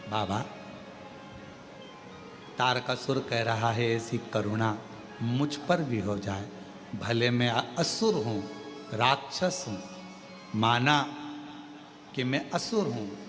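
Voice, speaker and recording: Man doing a low soft imploring demon, reverberant hall, music underneath. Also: takes it slowly, pauses often, lightly acted. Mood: pleading. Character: pleading humble male demon. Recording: long reverb with music behind.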